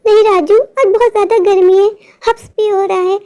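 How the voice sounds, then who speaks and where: A woman's voice: extremely high pitch, fairly even intonation, moderate pace, warm tone. Pinky, a woman voicing a frightened little girl. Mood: worried pleading. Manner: pleading, fearful. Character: timid anxious young girl, Pinky.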